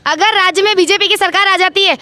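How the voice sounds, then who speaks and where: A woman street reporter, firing quick questions at locals outdoors. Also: very high-pitched. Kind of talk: vox pop street interview. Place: outdoors in a busy town street. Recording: loud crowd outdoors.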